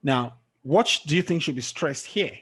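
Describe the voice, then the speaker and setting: A man's voice: fairly high pitch, expressive, moderate pace, fairly bright tone, slightly rough. A man teaching an English pronunciation lesson over a video call, checking often that his student follows. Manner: checks understanding often with "okay?". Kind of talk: online tutoring lesson.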